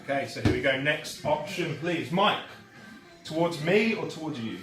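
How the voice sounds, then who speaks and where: Chatty young magician, echoey room. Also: male voice, on the high side, lively intonation, normal speed, far from the mic, over music. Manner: chatty, laughs often, fillers. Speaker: magician performer. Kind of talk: live magic performance patter.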